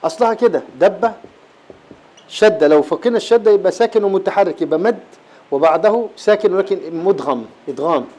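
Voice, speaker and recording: A man with an Egyptian Arabic accent teaching Quran recitation in a classroom lecture. He explains patiently, repeats key terms and breaks into slow chanted verse. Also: high voice, lively intonation, mellow.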